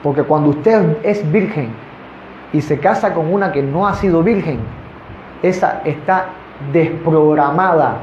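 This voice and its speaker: A man with a high-pitched voice preaches a sermon, asking his congregation rhetorical questions. The recording is echoey and dull, with faint noise underneath. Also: unhurried, darkish tone. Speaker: pastor. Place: church in front of a congregation.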